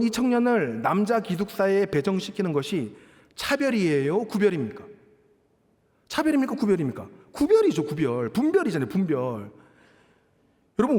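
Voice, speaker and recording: Man preaching in a big church, animated swooping voice, asks the crowd questions, lots of reverb. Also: high-pitched. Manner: emphatic, asks the congregation rhetorical questions. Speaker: pastor. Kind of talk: sermon. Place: large church sanctuary. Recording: long church hall reverb.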